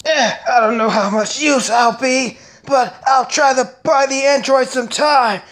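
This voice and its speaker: Man playing an earnest, slow-spoken anime fighter. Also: extremely high pitch, fairly bright tone, exaggerated voice. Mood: weary, resolute. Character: earnest, self-sacrificing male anime martial artist.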